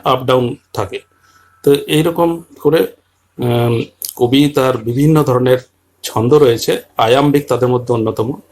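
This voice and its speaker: A man teaching a poem in detail, patiently explaining its structure and slowly reading quoted lines aloud. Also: mid-range voice. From Bengal region.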